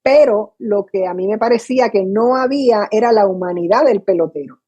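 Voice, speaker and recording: Older Puerto Rican woman announcer, mellow and breathy, telling stories vividly over a video call. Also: mid-range voice, a little fast, lo-fi sound. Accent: Puerto Rican Spanish. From Puerto Rico. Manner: animated storyteller, acts out her own past dialogue. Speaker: radio announcer guest. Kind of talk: storytelling interview. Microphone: video call from home.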